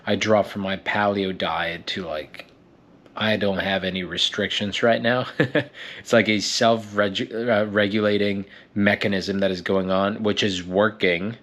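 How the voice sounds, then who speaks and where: A young man muses aloud in a solo vlog, drifting between thoughts and often restarting and repeating words. His voice is a bit low and his tone is reflective. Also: fairly even intonation, unhurried, a bit bright. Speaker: actor and fitness vlogger.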